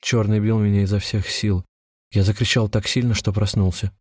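A man in his twenties narrating a first-person story in a calm, measured way. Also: on the low side, no echo, studio quality. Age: 20s.

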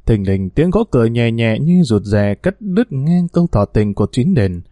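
A man narrating an audiobook in a measured, unhurried way. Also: medium pitch, sing-song, mellow, dry recording, clean studio sound.

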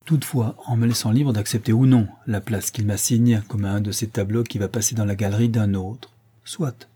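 A man voicing a proud, cold widowed marquise in an audiobook, speaking curtly and imperiously, raised well above his own voice, with a dark, husky tone. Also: on the high side, animated, moderate pace, pitched above the performer's own voice. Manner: curt and imperious. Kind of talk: audiobook character reading.

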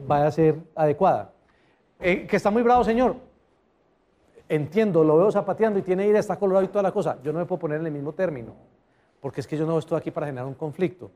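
A man giving a lively customer service seminar, often putting questions to the audience. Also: a little high. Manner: animated, asks the audience questions. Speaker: motivational speaker.

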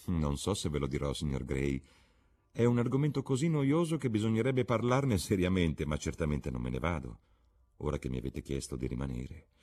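A man's voice: rumbling low, animated, moderate pace, dark tone. A man doing a cynical witty aristocrat. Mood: urbane. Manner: ironic, lecturing. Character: witty aristocratic older gentleman, cynical, languid.

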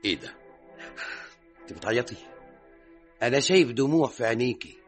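A man's voice: mid-range voice, big pitch swings, brisk, soft background music, natural voice. An actor with an Egyptian accent playing a curt, dismissive man in a vintage radio drama. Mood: impatient. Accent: Egyptian Arabic. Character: brusque impatient man hushing a woman.

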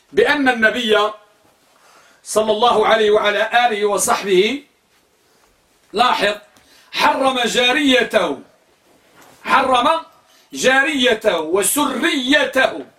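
A man's voice: very high-pitched, pushed and bright. A man giving a religious lesson, asking his listeners questions and repeating key words to drill their pronunciation. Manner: corrects pronunciation by drilling word forms. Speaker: religious teacher. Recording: echoey room, distant mic.

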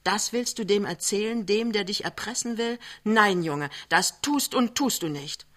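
A woman's voice: mid-range voice, a bit bright, voice pushed up. A woman reading aloud who voices a cheerful, fretting young newlywed wife, speaking in an eager, fussing way. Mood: indignant. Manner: eager, fussing, quick to indignation. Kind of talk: literary reading on radio.

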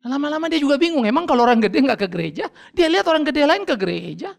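A man's voice: very high-pitched, fast, creaky. A middle-aged man preaching a sermon, telling stories with humor and acting out family conversations. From North Sumatra, Indonesia. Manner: lively storytelling, acting out family dialogues with humor. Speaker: pastor.

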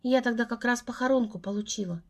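A woman plays a fussing older mother whose voice sits a little higher. She speaks tenderly and tearfully, in an audiobook reading. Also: quick pace.

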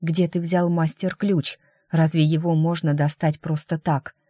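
A narrator reading the lines of an excitable, curious young woman in an audiobook. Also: mid-range voice, measured pace, no echo, clean studio sound, natural voice. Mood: astonished.

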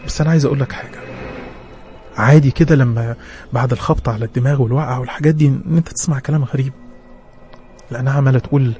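A man with an Egyptian accent playing a calm, dismissive hospital doctor who speaks quietly and matter-of-factly. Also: medium pitch, racing, long pauses, faint music behind, lightly acted.

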